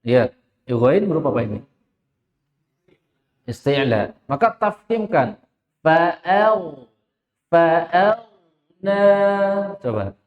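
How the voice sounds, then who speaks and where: A man teaching Quran recitation. He explains the rules and chants the verses slowly and drawn out. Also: medium pitch, sing-song. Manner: laughs while telling an anecdote. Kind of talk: tajweed lesson with recitation. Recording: echoey hall, dull lo-fi sound.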